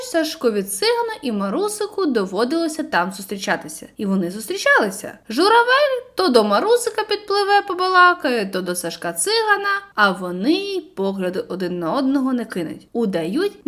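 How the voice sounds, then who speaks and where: High-voiced woman reading a story expressively. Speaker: reader.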